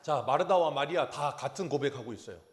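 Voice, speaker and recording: A man's voice: fairly high pitch, brisk. A man preaching a Sunday sermon as pastor, telling Bible stories with acted quotes and questions to the congregation. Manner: animated storytelling, acting out biblical quotes and asking the congregation questions. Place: church sanctuary.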